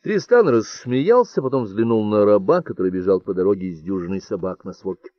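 Low-voiced male audiobook narrator. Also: animated, fairly quick, no echo, dull audio. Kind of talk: scripted narration.

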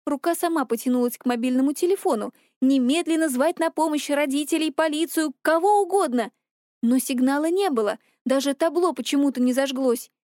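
A woman narrating a story in an even storytelling read. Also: high voice, brisk, no room sound, studio quality. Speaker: audiobook narrator. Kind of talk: scripted narration.

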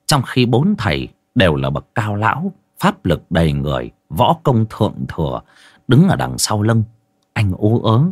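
A man narrating a ghost story in a lively, dramatic way. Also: on the low side, moderate pace, slightly rough, no room sound.

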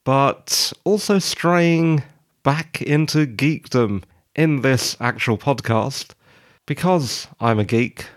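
Slow, croaky British man podcasting. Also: medium pitch. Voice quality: croaky, froggy just-woken voice. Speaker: podcast host. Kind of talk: solo podcast monologue, informal. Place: quiet study at home.

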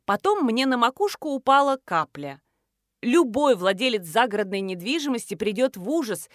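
A woman reading an audiobook with lively, ironic storytelling. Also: on the high side, dry recording, studio quality. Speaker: audiobook narrator. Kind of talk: scripted audiobook narration.

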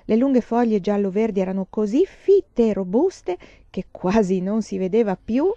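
A woman reading a children's novel aloud in a measured storytelling voice, close to the mic. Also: medium pitch, lively intonation, dry recording, highs cut off. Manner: measured reading, slowing on narration, brighter for children's lines. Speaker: reader.

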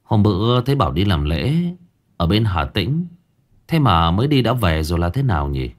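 A man's voice: low voice, big pitch swings, normal speed. A man voicing a hesitant young man muttering to himself.

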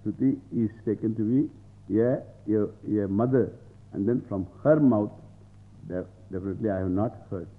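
A South Indian swami delivers a scriptural lecture, quoting Sanskrit and explaining it in English word by word. His fairly low voice moves at normal speed, he repeats phrases a lot and argues through rhetorical questions, and it sounds like it's coming over a phone line.

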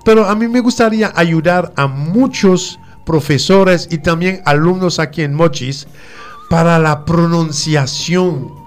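French-native male teacher, slow and deliberate, fairly high voice, letter-by-letter drills, faint music bed. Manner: slow, repeats letters and words for pronunciation drills. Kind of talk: radio French lesson.

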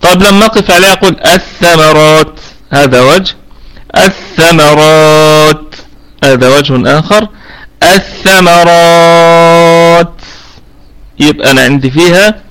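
A man's voice: fairly high pitch, a bit bright, poor audio. Egyptian man teaching tajweed. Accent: Egyptian Arabic. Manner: explains patiently, checks with students after each point; slows down to demonstrate recitation of words. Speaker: Quran recitation teacher. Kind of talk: live online tajweed lesson. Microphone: online voice chat room.

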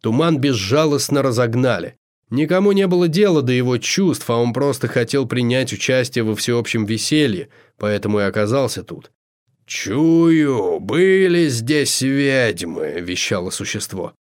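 A man reading an audiobook in measured, expressive scripted narration. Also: mid-range voice.

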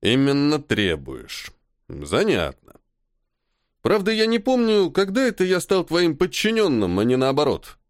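An irritable, commanding army colonel, as a male audiobook reader puts him on, sarcastic and tired of his subordinate. His pitch swings widely between lines, and the voice sits dry and close with no room around it. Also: sing-song, moderate pace, no echo, close to an everyday voice. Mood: irritated. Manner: sarcastic, commanding, weary sighs. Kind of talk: audiobook character voice.

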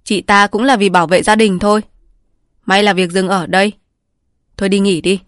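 Woman voicing a quiet scheming village chief. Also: mid-range voice, steady tone, dry recording, clean studio sound, lightly acted. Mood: quietly commanding. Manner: quiet, unhurried, commanding. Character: calm scheming older village chief, man.

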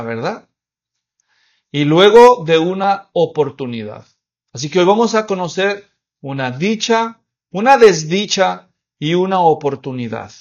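A man's voice: a little high, highs cut off. A man pastor preaching an expository sermon, asking the congregation questions and answering them, and acting out quoted voices in small scenes.

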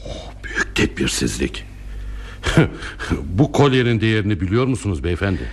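A man's voice: on the low side, sing-song, moderate pace. A middle-aged actor playing a courteous, easily flustered father and teacher in a classic radio play. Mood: stern, surprised. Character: flustered hospitable father, warm and fussy. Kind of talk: 1960s Turkish radio theatre acting.

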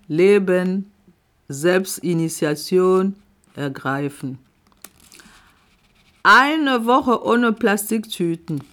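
In this self-recorded clip, a woman's fairly low voice carries her own reflective poetry. She reads in a measured spoken-word style, pausing at length between brief phrases.

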